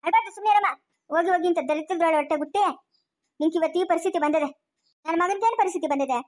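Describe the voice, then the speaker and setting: Woman, one-woman family quarrel drama, rapid and bickering. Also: very high-pitched, a little mellow. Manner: scolding, quarrelsome, switches between characters. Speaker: solo actor playing a whole family.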